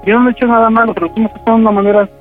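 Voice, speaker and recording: A man's voice: high voice, steady tone, very fast, narrow, tinny audio, faint music behind. Stammering, defensive man. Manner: defensive, stammering, keeps repeating himself. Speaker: prank call target. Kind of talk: phone argument.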